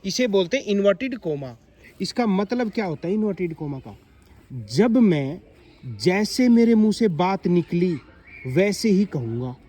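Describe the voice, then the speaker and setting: A man teaching young pupils in a classroom, asking them questions and slowly reading example sentences aloud. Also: sits high, very animated, mellow. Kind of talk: classroom explanation to children.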